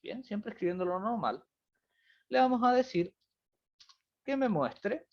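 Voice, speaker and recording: Male programming teacher, animated delivery, muffled stream audio. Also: high-pitched. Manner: explanatory, repeats "fíjense" and "¿bien?". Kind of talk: online review class.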